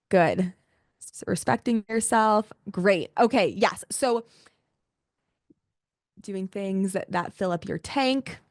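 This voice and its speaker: A woman's voice: medium pitch, no room sound, studio quality. A woman hosting a live online workshop in a casual, gushing, chatty way, with lots of "like" and repeated exclamations. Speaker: workshop host and coach. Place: live video-call session with a camera, indoors.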